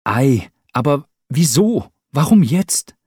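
A man's voice: mid-range voice, big pitch swings, slow pace, a little mellow, breathy edge, dry recording, studio quality, pitched above the performer's own voice, exaggerated voice. A man reading an audiobook and voicing a pushy young male cook who pleads breathlessly and insistently. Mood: pleading.

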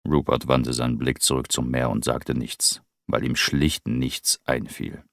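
A man narrating an audiobook in a measured, somber storytelling manner. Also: rumbling low, little pitch movement, gravelly, a bit bright, no echo, studio quality.

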